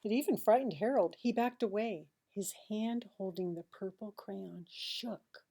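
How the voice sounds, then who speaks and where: Mellow-voiced woman reading a storybook aloud. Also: medium pitch, breathy edge. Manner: expressive, dramatic pauses and hushed asides. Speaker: teacher reading a picture book aloud. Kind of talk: children's storybook read-aloud with asides.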